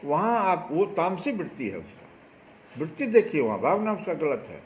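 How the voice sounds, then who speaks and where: Animated man preaching a devotional discourse. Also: a little high, normal speed, roomy sound. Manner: animated preaching with rhetorical questions. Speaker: spiritual speaker. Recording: dull lo-fi recording with faint noise.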